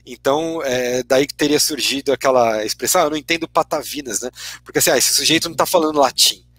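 A man's voice: mid-range voice, quick pace, a bit bright, no room sound. A man with a Brazilian Portuguese accent, a guest lecturer giving a teacherly explanation, tagging his sentences with constant "né" questions. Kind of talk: explanatory academic talk.

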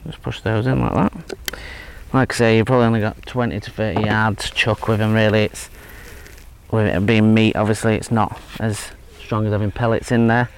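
By a lake outdoors, an angling instructor in his thirties gives a relaxed fishing tutorial, hesitant and full of fillers and restarts. His voice is lowish and his pace moderate, with faint outdoor ambience in the background.

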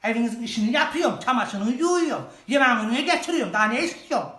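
A performer playing an overworked, sharp-tongued young bride in a comic sketch, fast and scolding. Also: medium pitch, lively intonation. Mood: indignant. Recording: roomy echo.

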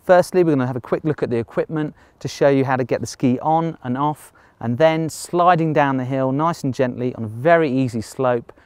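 A man's voice: mid-range voice, brisk, few pauses, a little mellow, clean tone, dry recording. A middle-aged man presenting a lesson to camera as a ski instructor, explaining step by step in plain words. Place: outdoors on a snowy mountain slope.

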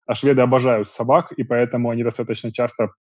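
A man in his thirties joins a video call as an interview guest, talking from a small room at home through earbuds. His mid-range voice is fast and relaxed, running in long rambling stretches with fillers. The audio is dull and dry, with no room sound.

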